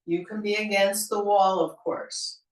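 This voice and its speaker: A woman teaching a senior yoga class, giving slow, gentle cues and leading playful laughter exercises. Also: mid-range voice, steady tone. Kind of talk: guided exercise class instruction. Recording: echoey room, mic at a distance.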